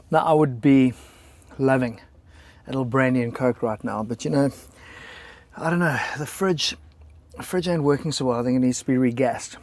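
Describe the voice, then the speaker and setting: A South African travel vlogger chats casually outdoors at a motorhome camp beside a racetrack, joking and poking fun at himself. His mid-range voice moves at a moderate pace with long pauses, and there's no echo.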